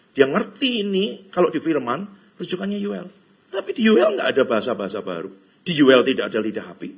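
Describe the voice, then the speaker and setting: A man's voice: sits high, a bit bright, slightly rough. A middle-aged man from Indonesia, a pastor giving a chatty, teasing sermon to a church gathering, slipping into English phrases and playful quoted voices. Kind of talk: conversational sermon. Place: church hall.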